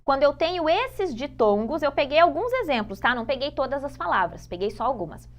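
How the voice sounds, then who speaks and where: High-voiced woman teaching grammar. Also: big pitch swings. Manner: explains patiently, repeats key points, checks in with "tá?"; stretches out example words slowly. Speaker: Portuguese teacher for exam prep. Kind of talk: online exam-prep lesson. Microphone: phone.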